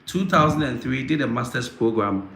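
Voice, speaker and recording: Male host from Africa, casual live Q&A, halting and repetitive delivery, room echo with faint noise. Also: medium pitch, animated, creaky, a bit bright. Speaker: host answering viewer questions.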